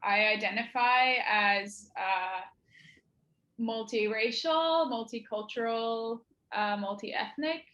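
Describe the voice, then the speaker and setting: A woman speaking deliberately in a documentary interview, with "uh" pauses. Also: fairly high pitch, a bit bright, reverberant, lo-fi sound.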